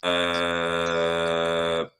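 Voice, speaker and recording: A young man hosts a casual football chat podcast, reading out viewer comments in a laid-back, slangy way and often stumbling over and repeating words. His deep voice is monotone and very slow, yet bright and forceful. Slight background noise can be heard.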